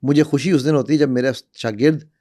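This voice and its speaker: A man's voice: mid-range voice, steady tone, brisk, dark tone, dry recording, clean studio sound. A middle-aged man explaining public speaking as an interview guest, demonstrative and fond of repeated examples. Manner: demonstrative, uses repetition and acted examples. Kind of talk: animated explanatory talk.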